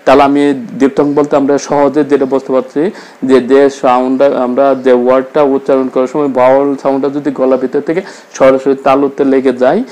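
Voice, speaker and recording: A man's voice: medium pitch, warm tone, poor audio. A man from Bangladesh giving a pronunciation lesson, repeating sounds and drawing out vowels as he demonstrates them. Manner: slow, repeats sounds and drawn-out vowel demos. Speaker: English teacher.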